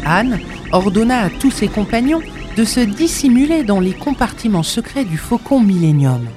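A man narrating a storybook with a clear, expressive read-aloud delivery. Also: high-pitched, moderate pace, over music.

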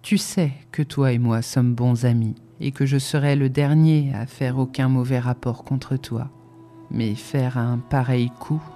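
A reader voicing Joe, a gentle, earnest blacksmith who talks in a slow, solemn, confidential way, in an audiobook. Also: medium pitch, faint music behind, close to an everyday voice. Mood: solemn confiding. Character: gentle simple blacksmith man, kindly, earnest.

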